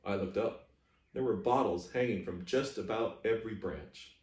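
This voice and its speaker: A man's voice: on the low side, normal speed, a little mellow. A man reading aloud as a library storyteller, in a storybook narration style. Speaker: library reader. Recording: echoey room, distant microphone.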